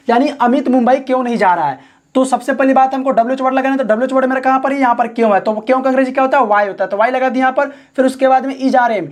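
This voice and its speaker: A male English grammar teacher giving a lesson. He asks questions and answers them himself, slows down to spell out example sentences, and adds joking asides. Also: extremely high pitch. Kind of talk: classroom-style grammar lesson.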